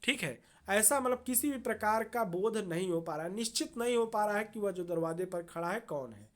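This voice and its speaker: A woman teacher explaining a grammar lesson to students, slow and deliberate, often checking in with a quick "okay" and repeating key terms. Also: medium pitch, animated.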